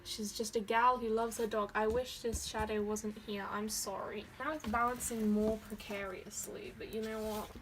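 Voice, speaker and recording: Sitting at her desk, a young woman from Dorset, England, gives a casual tour of her sketchbook, rambling, giggling and poking fun at herself. Her voice is fairly high with a level tone, and she talks at a normal speed with few pauses against a noisy background.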